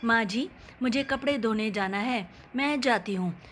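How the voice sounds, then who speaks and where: A woman's voice: fairly high pitch, unhurried, faint music behind. A woman voicing a patient, meek young daughter-in-law in a storybook tale, answering politely. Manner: polite, soft-spoken replies.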